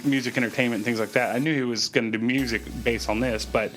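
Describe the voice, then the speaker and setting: A man's voice: medium pitch, steady tone, fast, fairly bright tone. A man hosting a reaction video, commenting in a reflective, hesitant way.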